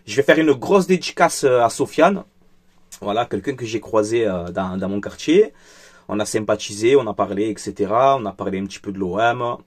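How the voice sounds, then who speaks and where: A man's voice: lowish voice, normal speed. A man doing a casual football debrief, frank and chatty, angry and upset after a loss. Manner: frank and chatty, with many fillers. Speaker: football vlogger.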